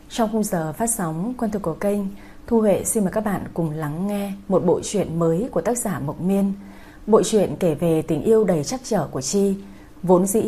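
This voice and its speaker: Husky low woman host, formal intro, mellow tone. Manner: formal announcing. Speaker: channel host. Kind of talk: scripted channel intro.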